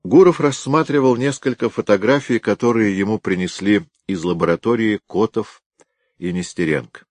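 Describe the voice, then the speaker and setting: A man with a very low, deep voice narrates a detective story in a measured, even way. The sound is dry and close, with no room echo, and his delivery stays steady throughout. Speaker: audiobook narrator. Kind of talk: scripted narration of a detective novel.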